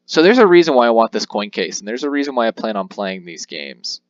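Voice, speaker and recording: With big pitch swings and a quick pace, a young man with a lowish voice hosts a let's play of a handheld game. He rambles casually, pokes fun at himself and reads game text aloud in voices. The recording is muffled but has no echo.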